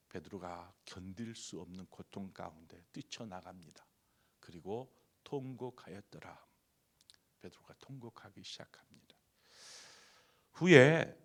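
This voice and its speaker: Middle-aged male pastor, gravelly and low, preaching at dawn prayer service, storytelling with rising emphasis. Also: a bit bright. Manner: storytelling, voicing quoted lines, rising to emphatic peaks. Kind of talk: early morning prayer sermon.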